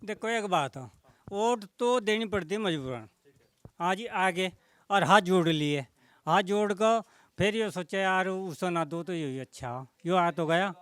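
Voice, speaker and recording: A high-voiced man in a street interview, resigned and matter-of-fact. His voice sounds clear and close, with a dry sound. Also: measured pace, fairly bright tone, no room sound. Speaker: villager interviewed.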